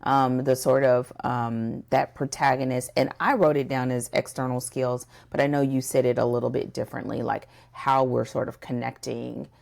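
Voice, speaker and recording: A woman's voice: extremely low pitch, little pitch movement, normal speed, creaky, hardly any pauses, a little mellow. A woman co-hosting a casual podcast, talking emphatically and addressing listeners directly. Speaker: podcast co-host.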